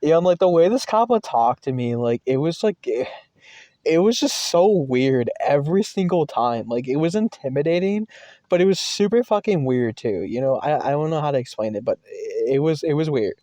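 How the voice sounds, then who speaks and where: A man's voice: on the high side, expressive, moderate pace, mellow, no room sound. A young man casually telling a personal story, rambling with many fillers and swearing freely. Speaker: vlogger.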